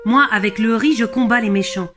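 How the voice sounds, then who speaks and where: A woman's voice: a little high, brisk, over music, natural voice. A woman voicing a brave panda in a children's storybook, speaking firmly and proudly. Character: brave panda, fighter of villains.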